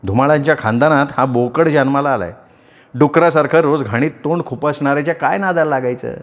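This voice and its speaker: A cold, commanding young village woman who speaks with firm contempt, as a man reads her, slightly higher than plain talk in a storybook reading. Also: fairly quick, natural voice. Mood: contemptuous.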